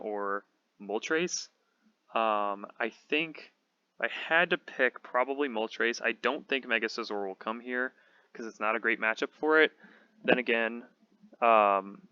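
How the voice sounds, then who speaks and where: Bright, crisp-voiced man thinking aloud. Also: medium pitch, no echo, highs cut off. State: slightly hoarse, losing his voice. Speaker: competitive Pokemon channel host. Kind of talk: casual team-building commentary.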